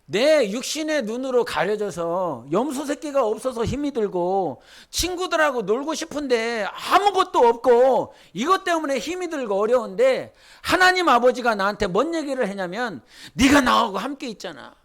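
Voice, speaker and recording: A man's voice: very high-pitched, sing-song, moderate pace, few pauses, fairly bright tone. A man preaching a sermon as pastor, leading the congregation in scripture reading and building to fervent exhortation. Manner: leads congregation in Bible reading.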